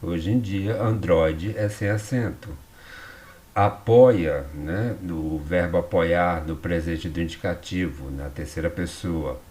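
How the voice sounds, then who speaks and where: A man's voice: sits low, takes it slowly, a little mellow. A man with a Brazilian Portuguese accent giving a recorded school lesson, explaining patiently and often checking in with tag questions. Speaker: teacher.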